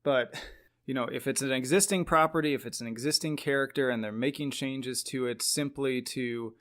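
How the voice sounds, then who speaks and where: A man's voice: medium pitch, normal speed, fairly bright tone. A man giving casual opinion commentary, explaining his views in an earnest, emphatic and opinionated way. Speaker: video commentator.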